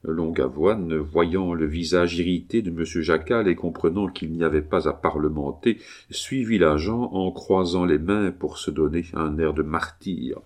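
A man narrating a classic novel in a measured audiobook reading. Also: low voice, darkish tone.

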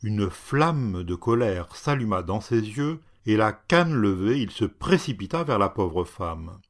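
A man reading a story aloud as narrator, slow and deliberate. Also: on the low side, sing-song.

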